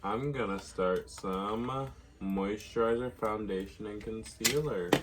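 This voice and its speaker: A drunk man chatting casually in an excitable, campy, profane way during a makeup drinking game. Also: on the low side, takes it slowly, very noisy.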